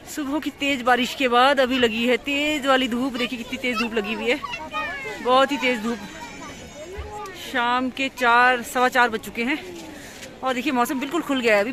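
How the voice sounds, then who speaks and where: With a fairly high, bright voice, a woman with an Indian accent chats casually to viewers while vlogging through a busy market street. She repeats herself and points things out, recording on her phone without an external mic. The street noise of crowds and passing vehicles is audible.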